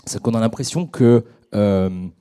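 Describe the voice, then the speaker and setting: A young man hosting a radio discussion, introducing his guests in a halting way with many fillers and restarts. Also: fairly low pitch, warm tone, clear, resonant tone. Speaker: radio debate host. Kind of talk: hesitant unscripted introduction. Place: radio studio.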